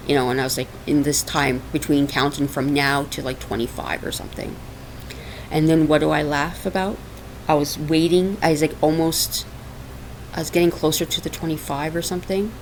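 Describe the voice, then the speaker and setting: At normal speed and with fairly even intonation, a low-pitched woman from Portugal, a minister and podcast host, chats casually on her spiritual podcast, often laughing and using plenty of fillers. The rough recording comes from a laptop microphone on her lap in a dark, hot room at home, raw and faintly hissy.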